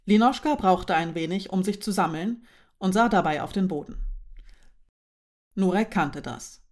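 A woman narrating a story in a calm, even audiobook reading. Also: medium pitch, unhurried.

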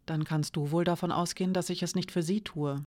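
A reader voicing a composed young woman who speaks quietly and steadily, lower and softer than the narration. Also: moderate pace, no room sound, clean studio sound, natural voice. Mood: calm. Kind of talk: audiobook character reading.

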